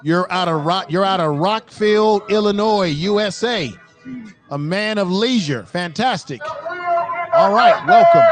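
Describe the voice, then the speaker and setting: Higher-pitched man hosting a casual livestream. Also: measured pace, soft background music. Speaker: live stream host. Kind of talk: casual live stream commentary.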